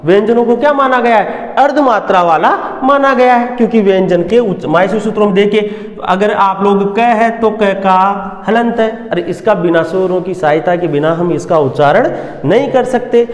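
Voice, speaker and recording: Guy teaching grammar, high voice, asks stuff then answers it himself, long reverb. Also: normal speed. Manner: chants verses in a sing-song tone. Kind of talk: classroom lecture. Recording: echoey room with long reverb.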